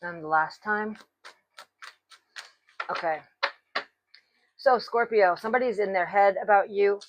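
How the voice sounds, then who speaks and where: A woman giving a tarot reading, speaking slowly and deliberately and clearing her throat now and then. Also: mid-range voice, dull audio, noisy background. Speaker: tarot reader.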